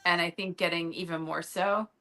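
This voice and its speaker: A woman who is an actress guest on a podcast, telling stories in a lively, playful and frank way. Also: on the low side, moderate pace. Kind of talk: casual podcast conversation.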